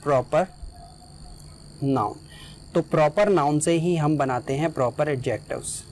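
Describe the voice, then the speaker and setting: A man teaching an English grammar lesson in Hindi, who explains patiently and dictates English example sentences slowly, word by word. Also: on the high side, a little mellow, a little hiss or hum, low-quality recording.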